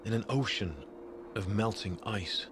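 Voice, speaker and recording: A man delivers scripted nature documentary narration in a measured, storytelling way. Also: on the low side. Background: background music.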